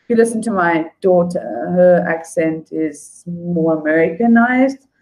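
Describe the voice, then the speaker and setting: This unscripted, casual livestream features a South African woman with a lowish, expressive, darkish voice who reads and answers her viewers' chat at an unhurried pace. She calls viewers by name and talks in a rambling, conversational way, with fillers and restarts.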